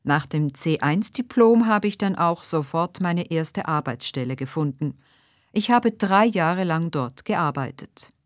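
A woman playing a nervous but polite job applicant in a scripted dialogue for language learners, speaking carefully and clearly. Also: fairly low pitch, lively intonation, measured pace, no echo, clean studio sound.

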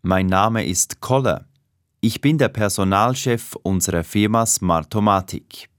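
A man's voice: on the low side, measured pace, no room sound, clean studio sound, lightly acted. A man playing a formal, businesslike personnel manager interviewing an applicant in a scripted dialogue for language learners. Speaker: head of personnel conducting an interview.

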